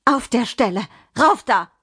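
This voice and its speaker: A woman voicing a small, sharp-tongued middle-aged woman who shouts commands in a strong voice. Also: a little high, expressive, measured pace, husky, pitched above the performer's own voice, exaggerated voice. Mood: frightened commanding. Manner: loud, scolding, strong-voiced.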